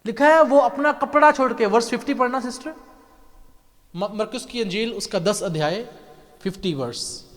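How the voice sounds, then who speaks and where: A male pastor giving a lively sermon, often asking his congregation questions and slipping in English phrases. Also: very high voice, moderate pace, big-room sound. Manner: animated preaching, asks the congregation questions, mixes in English. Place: church hall.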